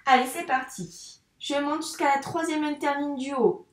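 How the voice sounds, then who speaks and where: Woman teacher, slow clear handwriting lesson. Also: sits high, steady tone, echoey room. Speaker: first-grade teacher.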